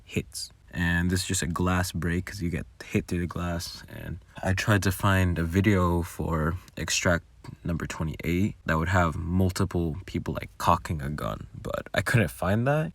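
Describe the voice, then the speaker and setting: An audio roleplay creator speaks in a deep voice, rambling informally through behind-the-scenes commentary on his own audio work. There is no echo in the recording.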